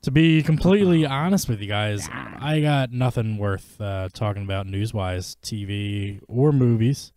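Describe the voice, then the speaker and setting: A man hosting a podcast, laid-back and deadpan in crude casual banter, steering to the next segment. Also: lowish voice, unhurried, few pauses, slight background noise. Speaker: podcast host.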